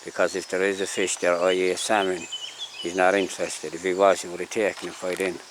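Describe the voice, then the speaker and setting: Low-pitched Irish man, noisy outdoor recording. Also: level tone, brisk. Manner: folksy, rambling, addressing viewers. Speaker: fishing vlogger. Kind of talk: casual outdoor vlog chat. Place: outdoors along a river. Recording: outdoor ambient noise, riverside. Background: clear outdoor ambience.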